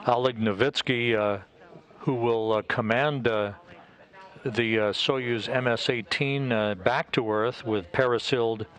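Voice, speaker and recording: American man, measured mission commentator. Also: mid-range voice, fairly even intonation, a bit bright. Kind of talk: live spaceflight broadcast commentary.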